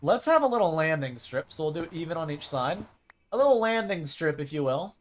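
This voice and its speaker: Streamer chatting through a live game, lively up-and-down voice, just thinking out loud. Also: mid-range voice, fairly quick. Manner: rambling, thinks aloud while playing. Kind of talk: casual live gameplay chat.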